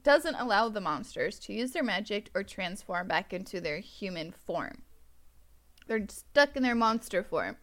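A woman's voice: medium pitch, expressive, unhurried, a bit bright. A woman podcast co-host recapping a book in casual chat, giggly and rambling, often losing her place. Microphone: own microphone.

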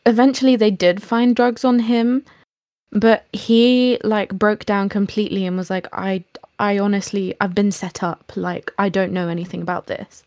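A woman's voice: medium pitch, fairly even intonation, normal speed, a little mellow, no echo, studio quality. A woman co-hosting a casual chat show, eagerly adding details to the story. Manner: chatty, adds details eagerly. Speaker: podcast co-host.

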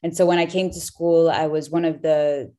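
A young woman in her twenties talks as a podcast guest in a low, upbeat voice. She is chatty and quick to restart her sentences, with plenty of fillers along the way. Her tone is that of easygoing interview talk. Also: fairly even intonation. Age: 20s. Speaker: startup founder guest.

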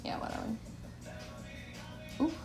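A woman's voice: measured pace, over music. Young female co-host, chatty and giggly, recorded in a roomy space. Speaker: co-host of a cider tasting show. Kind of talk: casual chat. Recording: roomy echo.

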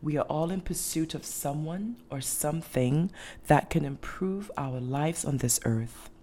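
A woman's voice: low-pitched, a little slow, mellow. A woman from Ghana hosting a faith podcast, talking earnestly and with many ums and restarts. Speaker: podcast host. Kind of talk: casual faith podcast monologue.

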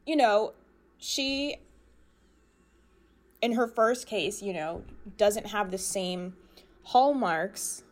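An easygoing woman chatting casually as a co-host. She talks through the story with a joking, relaxed manner. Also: mid-range voice, extremely slow, long pauses. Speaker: podcast co-host. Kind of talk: casual recap chat.

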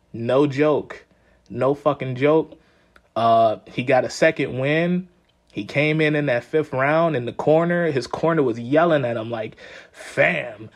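Brief: male podcast host, mid-pitched voice, loose and animated, swears freely while recapping fights. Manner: animated, profane, conversational. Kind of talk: casual sports commentary.

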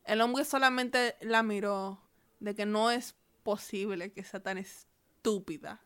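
Bright, clear woman telling a story. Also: mid-range voice, fairly even intonation, slow pace. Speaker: podcast co-host. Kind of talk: casual storytelling.

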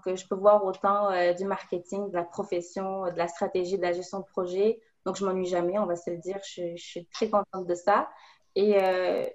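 A woman's voice: medium pitch, a little mellow, muffled recording. Young woman in her twenties as interview guest, upbeat explainer, mid-range voice, frequent fillers. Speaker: guest, professional order student advisor. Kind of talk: interview answers.

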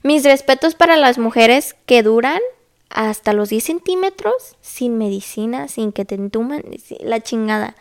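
Young woman, Mexican accent, blunt and profane, casual storytelling, gravelly fry, clear tone. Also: fairly high pitch, expressive, measured pace. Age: young adult. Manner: blunt, profane, mixes in English phrases. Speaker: vlogger.

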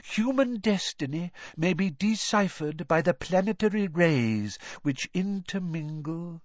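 A man's voice: sits high, lively intonation, no echo, voice pushed up. A man voicing a mournful older female fortune-teller with a misty, airy voice, in an audiobook. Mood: mystical. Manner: mournful, drawn-out and dramatic. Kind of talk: audiobook character voice. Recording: dull, dry studio recording.

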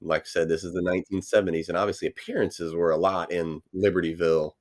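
Casual: really deep guy rambling on a book podcast, lots of you knows. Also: steady tone, fast talker. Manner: rambling, many fillers like "you know". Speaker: podcast co-host.

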